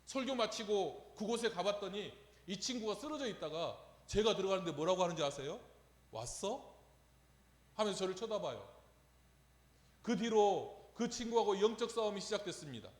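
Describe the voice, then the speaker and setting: A man's voice: high-pitched, animated, brisk. A man preaching a sermon, telling a story and asking the congregation rhetorical questions. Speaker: pastor. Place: church sanctuary. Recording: echoey church hall with long reverb.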